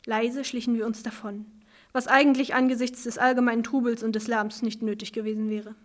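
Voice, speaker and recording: Woman storyteller, calm, measured storybook reading, fairly high voice.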